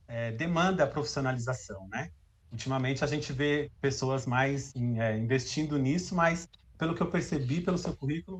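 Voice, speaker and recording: A man with a slightly high voice conducts an interview. He is informal and conversational, feeling his way through his phrasing. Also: slight background noise.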